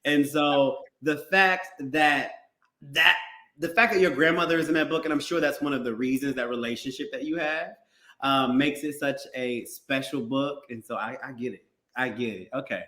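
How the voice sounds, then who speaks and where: A man's voice: medium pitch, moderate pace, pushed and bright. A man hosting an interview podcast, responding with frequent encouraging affirmations and laughter. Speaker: podcast host and children's book author. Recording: roomy echo.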